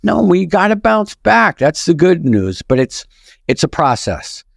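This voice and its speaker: A man's voice: high-pitched, very animated, a little slow, creaky, dry recording, studio quality. A man with a New York accent, a podcast guest who talks emphatically and lays out his points one after another. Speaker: guest, real estate broker and author. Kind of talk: casual podcast conversation.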